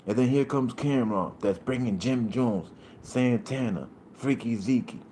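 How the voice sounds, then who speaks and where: A man in his thirties from Puerto Rico hosting a casual livestream, rambling in streetwise slang and shouting out viewers by name. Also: mid-range voice, measured pace, slight background noise. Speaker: livestream host.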